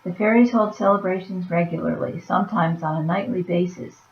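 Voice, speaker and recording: Woman reading oracle cards w a weak tired voice, soft-spoken offhand asides, echoey room. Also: fairly low pitch, brisk. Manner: soft-spoken, reads then comments offhand. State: weak, fading voice. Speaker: oracle card reader. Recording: roomy, dull lo-fi sound.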